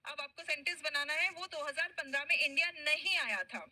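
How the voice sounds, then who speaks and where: A woman teacher with an Indian English accent, a Hindi speaker, teaching a spoken English class, drawing out example sentences slowly and praising her students. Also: high-pitched, steady tone, pushed and bright, dry recording, poor audio.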